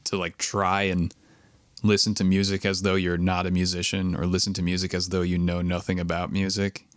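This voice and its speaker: A man's voice: sits low, completely flat delivery, brisk, dry recording, studio quality. A young man co-hosting a podcast, chatting casually in a laid-back, jokey way. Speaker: podcast co-host. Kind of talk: casual chat.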